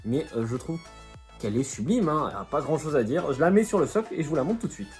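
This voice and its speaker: A man's voice: on the high side, lively intonation, fast talker, a little mellow. A man chatting casually through an unboxing vlog, slangy and joking, with faint music under his voice. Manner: chatty, slangy, jokey asides. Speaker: YouTuber unboxing figurines.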